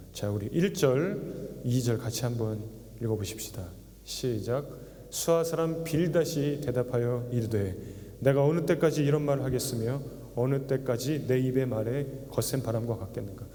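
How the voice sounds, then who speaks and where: A man's voice: mid-range voice, dark tone, big-room sound. A male pastor preaching a sermon, often acting out quoted speech with heated emotion. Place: church sanctuary.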